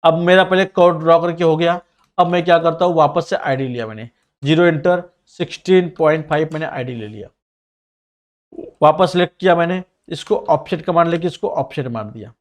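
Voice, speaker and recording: Fast-talking Hindi CAD tutor, man. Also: on the high side. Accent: Mumbai Hindi. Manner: step-by-step explanatory, talks to students directly; says he sometimes talks fast. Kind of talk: screen-recorded software tutorial.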